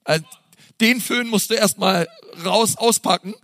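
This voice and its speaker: A middle-aged man delivers a sermon with excited, exclamatory energy, speaking straight to his listeners. His voice sits high and sounds bright and sharp. The sound is dry and close, with faint music underneath. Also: measured pace, creaky, no echo. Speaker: pastor.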